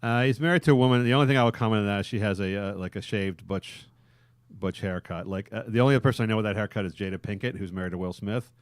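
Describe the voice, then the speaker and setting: A man's voice: on the low side, racing, dry recording, studio quality. Rambling crude podcast host, a man. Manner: rambling, crude, laughing a lot. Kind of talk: casual crude podcast banter.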